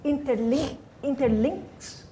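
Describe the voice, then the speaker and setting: A woman's voice: high voice, takes it slowly, mellow. A woman speaking as a scientist on a panel, hesitant, with many "you know"s and "uh"s. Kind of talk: panel discussion remarks.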